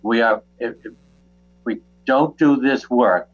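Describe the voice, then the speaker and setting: A man, a city official on a video call, listing items in a measured way while his choppy internet audio stutters and breaks up. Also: medium pitch, breathy edge, lo-fi sound. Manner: measured, lists items one by one. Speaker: city official answering council questions. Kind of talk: remote meeting testimony.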